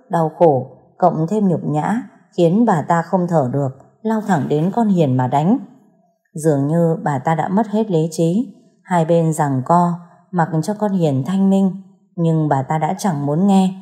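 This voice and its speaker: A woman narrating a serialized audio story, reading in a steady, dramatic storytelling manner. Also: sits low. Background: soft background music.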